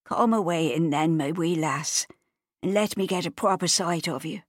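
A woman's voice: on the low side, moderate pace, dry recording, clean studio sound, natural voice. A woman voicing a kindly old traveller woman. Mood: homely. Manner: homely, motherly, chatty.

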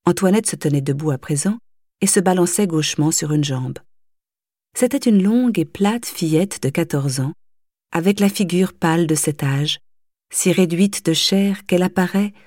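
A woman reading a novel aloud as an audiobook narrator, in a measured, deliberate way. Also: fairly low pitch, mellow, dry recording, clean studio sound. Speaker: audiobook reader. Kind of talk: scripted literary narration.

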